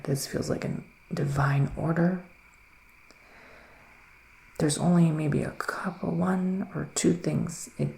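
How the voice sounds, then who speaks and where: An ASMR performer, his voice on the high side, improvises a tarot reading while roleplaying a psychic witch. He speaks in a hushed, breathy style that often slips into a whisper, soothing and reassuring. The recording has a roomy echo and faint background noise.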